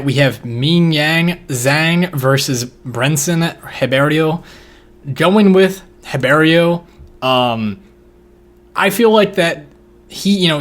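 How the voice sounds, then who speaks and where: A man's voice: a little high, fairly bright tone. A man co-hosting a fight-picks talk show, in loose casual chat that rambles with fillers and slang. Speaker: podcast co-host making fight picks.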